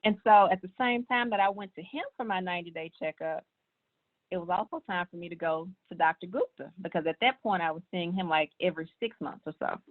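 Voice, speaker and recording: A woman's voice: on the low side, brisk. A woman, earnestly sharing her personal health story in casual talk. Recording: tinny, phone-like sound.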